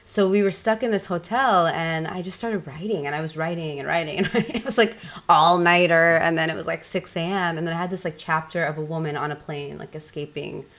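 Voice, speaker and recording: A woman's voice: deep voice, a little fast, fairly bright tone. A woman in her thirties, a guest author chatting casually in an interview, talking in a loose, filler-heavy way and laughing often.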